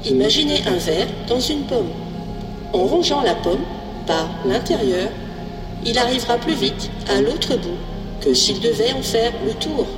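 Echoey, pedantic female ship robot played by a woman. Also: on the high side. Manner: pedantic, didactic. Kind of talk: sci-fi comedy audio drama. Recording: echoey hall, distant, music behind.

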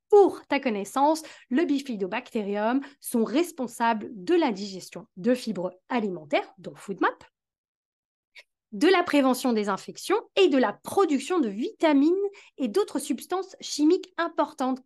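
A woman's voice: on the high side, darkish tone. A woman hosting a solo educational podcast, earnestly explaining things and speaking directly to the listener. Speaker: podcast host, digestive health specialist.

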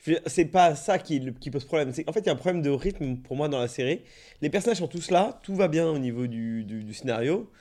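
A man's voice: fairly high pitch, expressive, brisk, dark tone. A man on a casual review panel, analytical, often searching for words. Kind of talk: casual chat.

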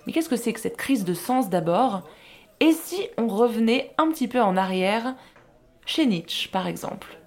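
Une femme à la voix assez haute qui anime un balado. Elle parle d'un ton vif et interrogatif et enchaîne les questions. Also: female voice, on the high side, animated, a little slow, a little mellow. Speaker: podcast host. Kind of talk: podcast talk.

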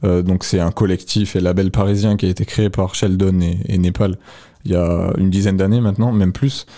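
A young man co-hosting a radio music show, talking through new rap releases in a relaxed, conversational way. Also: low-pitched, a little fast. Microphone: studio microphone.

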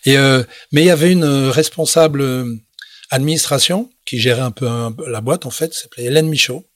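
Middle-aged French sailor guest, halting and rambling, dry studio mic. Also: male voice, medium pitch, no echo. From France. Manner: rambling, many fillers and restarts. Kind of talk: casual interview storytelling.

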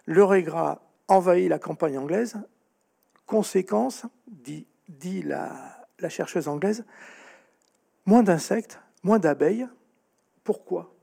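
A man speaking as a guest author in an interview, explaining at length with animated storytelling and frequent restarts. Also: high-pitched, slow, creaky.

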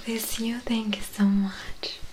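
A woman whispering softly in an ASMR hairdressing roleplay. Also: a little high, flat delivery, slow pace, over loud music, rough recording. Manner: soft unvoiced whispering.

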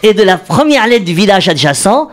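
In a studio, a man with a high voice and big pitch swings delivers a radio chronicle on acronyms at a fairly quick pace. Explanatory and jokey, he thinks aloud and restarts as he goes.

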